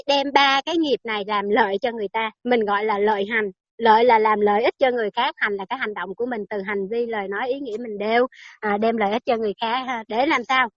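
Her voice high and the recording free of room sound, a woman leads a teasing, chatty dharma talk on Buddhism and keeps quizzing her listeners as she goes. The sound is dry and a bit dull.

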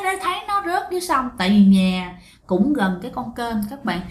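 A woman's voice: on the high side, fairly bright tone. A woman with a Southern Vietnamese accent telling ghost stories in a chatty style, talking directly to her listeners. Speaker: ghost story narrator. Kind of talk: casual storytelling to listeners. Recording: roomy echo.

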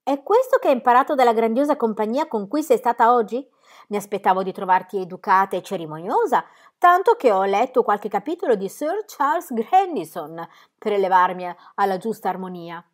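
A woman reading the part of a kindly, teasing middle-aged male country doctor, dry and gently mocking. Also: medium pitch, big pitch swings, a little fast, voice pushed up, close to an everyday voice. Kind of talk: audiobook character reading.

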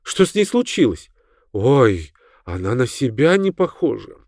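A man voicing a frightened young woman with a high, alarmed voice. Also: sing-song, a little slow, darkish tone, no echo, clean studio sound.

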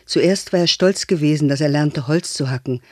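Guy reading a novel aloud, calm and even, kinda high voice, dead dry mic. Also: moderate pace, dry recording. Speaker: audiobook reader. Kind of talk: scripted narration of a novel.

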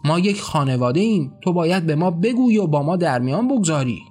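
A man reading his own philosophical novel aloud as an audiobook, dramatic and measured. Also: on the high side, expressive, darkish tone, faint music behind. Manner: dramatic, voicing characters' angry outbursts. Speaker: author and narrator. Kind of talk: scripted audiobook narration.

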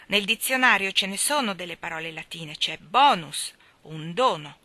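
A woman's voice: lowish voice, animated, moderate pace, sharp tone, no echo. A woman reading aloud and voicing a proud, eager little girl who argues back at her brother. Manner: eager, defiant. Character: clever spirited little girl, proud and impatient.

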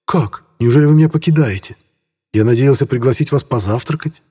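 A man's voice: mid-range voice, a little fast, dark tone, slightly rough, voice pushed up, close to an everyday voice. A man playing a proud, courtly Italian prince who speaks gallantly and emphatically.

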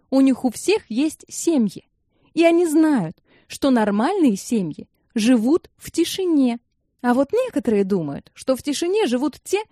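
A woman reading an audiobook, voicing a fed-up teenage girl who yells at her family. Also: high voice, no room sound, studio quality, pitched above the performer's own voice, full character voice. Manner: shouting, exasperated.

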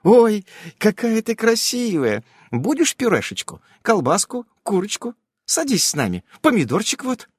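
A man's voice: sits high, huge pitch swings, a little slow, breathy edge, dry recording, studio quality, pitched above the performer's own voice, exaggerated voice. A man voicing a fussy, hospitable elderly aunt who coaxes guests to eat. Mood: doting. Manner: doting, chatty, coaxing.

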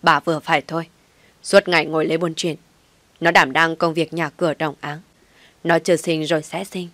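A woman voicing a stern, quiet older father who raises his voice in anger in an audiobook story. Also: sits low, little pitch movement, a little fast, dry recording. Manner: stern, weighty, shouting when angry. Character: stern, taciturn older father, rarely speaks.

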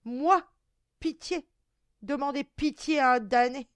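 A woman reading a story aloud and voicing a cruel, damned male goblin monster with a shrill, cracked voice and a loud, taunting way of speaking. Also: takes it slowly, dry recording. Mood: mocking.

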